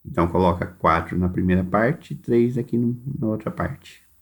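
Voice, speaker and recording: A man's voice: low voice, normal speed. A Brazilian man teaching a primary class by recorded video, dictating instructions and stretching words out syllable by syllable. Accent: Brazilian Portuguese.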